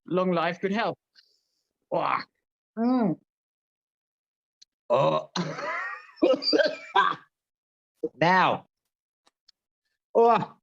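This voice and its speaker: A rowdy British man hosts a casual chat, joking crudely, his pitch swooping up and down. The sound is dull and lo-fi. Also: a bit bright. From Britain. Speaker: show host.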